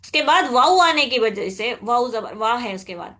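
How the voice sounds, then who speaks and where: A woman teaching Quran recitation rules, patiently explaining and checking in with her students, then demonstrating with slow, drawn-out nasal recitation. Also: on the high side, expressive, a bit bright. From India. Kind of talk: tajweed lesson.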